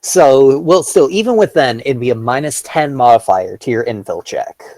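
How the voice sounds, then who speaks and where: A man narrating as game master of a tabletop role-playing game, talking with halting starts and fillers. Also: medium pitch, expressive, darkish tone, dry recording.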